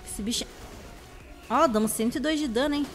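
A young woman with a Brazilian Portuguese accent, chatting casually through her own gameplay. Her voice is slightly hoarse, and she talks excitably with sudden high shrieks. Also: brisk, soft background music. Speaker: gameplay video host. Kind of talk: casual let's-play commentary.

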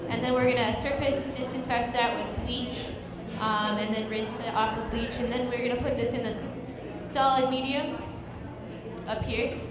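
A woman guest speaker with a fairly high voice gives a casual science talk to a live pub audience, explaining things step by step with lots of fillers. She speaks into a handheld mic in an echoey hall over loud crowd chatter.

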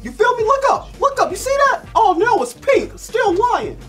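A man's voice: very high voice, sing-song, moderate pace, fairly bright tone, faint music behind, pitched above the performer's own voice, exaggerated voice. A man voicing a male lion who brags about lying, talking in laid-back slang and teasing the listener in an improv sketch. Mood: smug.

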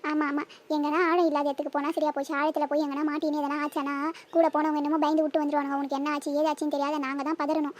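A village mother from a cartoon scolds her children in a high, quick voice that stays on one even line, as a voice actor puts her on. She lectures on and on without pause. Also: slight background noise, lightly acted. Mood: scolding. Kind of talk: cartoon voice acting.

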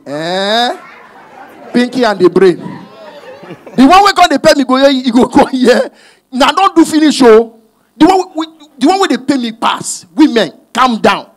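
A man with a Nigerian accent works a live cinema crowd in Pidgin and English. His voice sits very high and swings widely in pitch as he shouts his punchlines. The mic sound is dry and close, with a faint crowd behind him. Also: no room sound. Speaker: stand-up comedian. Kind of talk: stand-up comedy in Pidgin and English. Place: cinema hall stage with a live audience. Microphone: handheld mic. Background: audience laughter.

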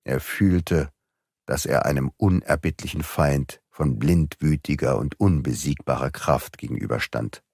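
A man's voice: a bass voice, measured pace, vocal fry, darkish tone, slightly rough, no echo. A man narrating an audiobook in a dramatic, varied reading.

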